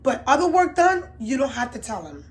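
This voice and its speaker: Chatty woman vlogger, high voice. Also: big pitch swings, a little fast, a little hiss or hum. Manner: chatty and candid, confiding asides to viewers; swings between loud emphatic bursts and low murmurs. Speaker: beauty vlogger. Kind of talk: storytime vlog.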